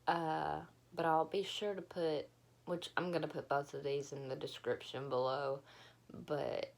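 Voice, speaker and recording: A mukbang vlogger recorded on a phone camera, this woman sounds tired and unwell as she chats hesitantly and rambles to viewers. Her voice is low, gravelly and level, and a little slow.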